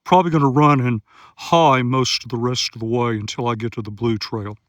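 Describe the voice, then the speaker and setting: A man in his sixties talks through a night trail exercise in a steady, methodical way, pausing often with "uh" fillers. His voice sits in a middle pitch and is a little winded from running. The sound is dry, with no room echo. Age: 60s. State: out of breath after running. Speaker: gear reviewer and search-and-rescue volunteer. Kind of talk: outdoor field vlog narration. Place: outdoors on night trails in grasslands.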